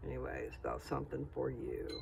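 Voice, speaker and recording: A man's voice: medium pitch, big pitch swings, fast, gravelly, a little mellow, a little hiss or hum. A man talking in a casual, folksy, rambling way, thinking aloud as if to someone he knows. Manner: folksy, informal, thinking aloud with trailing asides.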